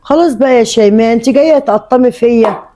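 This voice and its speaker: A woman's voice: on the high side, fast talker, dark tone, lightly acted. A woman playing a tired, resigned older Egyptian mother who looks after a baby all day, speaking with an Egyptian Arabic accent in a family drama skit. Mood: exasperated.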